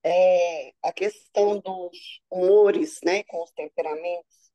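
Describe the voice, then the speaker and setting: A woman on a video call, speaking slowly and tentatively as she starts a question. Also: on the low side, fairly even intonation, mellow, rough recording. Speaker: participant asking a question. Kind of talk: casual remark on a video call.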